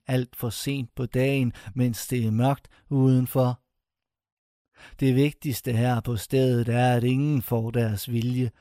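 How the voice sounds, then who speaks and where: A man reads a first-person short story aloud in a mellow, warm voice. The sound is dry and close, with no room around it. His telling is intense and bitter. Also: mid-range voice, no echo. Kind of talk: scripted first-person narration.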